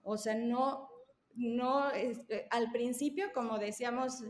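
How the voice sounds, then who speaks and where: A woman's voice: on the high side, steady tone, slow. A woman, a language therapist explaining patiently with examples as a podcast guest. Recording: roomy echo.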